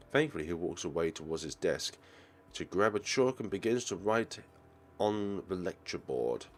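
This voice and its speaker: Hosting a let's play, a man reads visual novel narration aloud in a theatrical, expressive way, his pitch fairly low.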